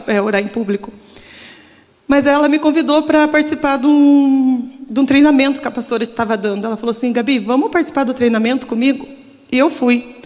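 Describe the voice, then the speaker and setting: Pastora brasileira emocionada, voz aguda num salão de igreja com eco longo. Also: female voice, on the high side. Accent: Brazilian Portuguese. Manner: emotional, confessional, trembling with nerves. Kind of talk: testimony sermon. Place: church service. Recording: long church hall reverb.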